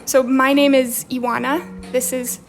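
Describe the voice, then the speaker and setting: In an unhurried, chatty way, a young woman with a faint Romanian accent hosts a journaling livestream and responds to viewer comments she reads aloud. Her voice sits high with little variation, over faint background music.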